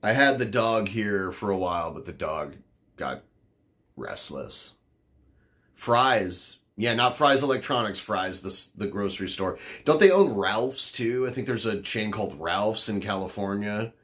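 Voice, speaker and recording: Responding to chat in a loose, offhand way, a podcast host from the northern United States rambles with lots of fillers. His voice is on the low side, animated and fairly bright, at a measured pace.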